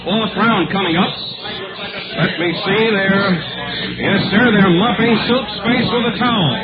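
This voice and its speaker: An actor playing an excitable ringside boxing announcer in a 1940s style radio drama, calling fights in punchy blow-by-blow phrases. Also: male voice, sits high, unhurried, a loud crowd. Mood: tense, urgent. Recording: dull old radio recording, loud music.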